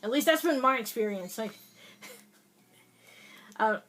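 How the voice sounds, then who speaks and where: A woman's voice: on the high side, animated, slow pace, fairly bright tone. A woman giving casual, chatty commentary over her gameplay, laughing often and hesitating with many fillers. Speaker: gaming video host.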